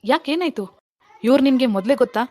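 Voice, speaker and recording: Woman doing a puzzled young husband, low-pitched. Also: lively intonation, quick pace, darkish tone. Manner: bewildered, questioning. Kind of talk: animated cartoon voice acting.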